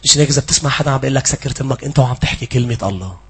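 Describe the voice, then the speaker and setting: A man with a Lebanese accent preaching a sermon, swinging between loud pleading and hushed asides. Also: medium pitch, rapid-fire, gravelly, breathy edge, faint music behind. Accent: Lebanese Arabic.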